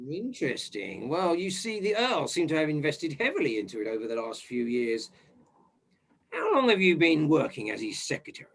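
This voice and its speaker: An actor playing a dogged but fumbling English police inspector in a stage murder mystery, questioning people in a halting, polite way. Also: male voice, a little high, huge pitch swings, gravelly, a bit bright, exaggerated voice. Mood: inquiring. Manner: hesitant, halting, polite formal address.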